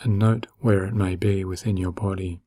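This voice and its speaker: Slow and gentle, a meditation guide narrates with long, soothing pauses. His voice is low and husky, and his intonation stays fairly even.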